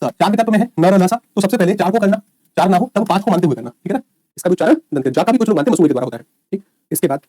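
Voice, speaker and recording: A man's voice: high-pitched, mellow, dry recording, clean studio sound. A man teaching an online exam-prep lecture, repeatedly checking in with his students. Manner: rapid, repetitive checks with students.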